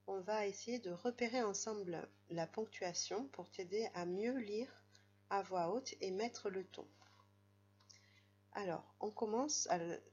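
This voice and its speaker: A woman with a French accent teaching a primary school reading lesson, speaking gently and patiently straight to a child at home. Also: mid-range voice, slightly rough, dull audio. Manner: slow, gentle, patient, addresses the child directly.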